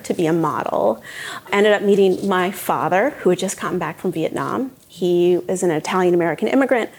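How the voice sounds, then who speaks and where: A middle-aged cookbook author from northern New Jersey talks candidly in a casual onstage conversation, laughing often. Her voice is mid-range and a little mellow.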